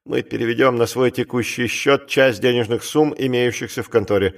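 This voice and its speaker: A man voicing a bold, reckless male clerk and gambler who talks in a brisk, commanding way, in an audiobook. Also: mid-range voice, steady tone, creaky, close to an everyday voice. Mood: scheming. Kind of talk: audiobook character reading.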